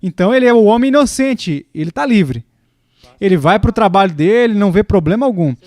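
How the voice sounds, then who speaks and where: A man's voice: expressive, a little fast, darkish tone, no echo. A man preaching a sermon, telling stories and acting out what people say. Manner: storytelling with acted quotes, rising pitch in the quoted lines.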